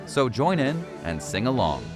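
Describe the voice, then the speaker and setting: A man's voice: mid-range voice, big pitch swings, unhurried. A man reading scripted narration as a voice-over for a travel documentary. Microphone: studio voice-over. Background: background music.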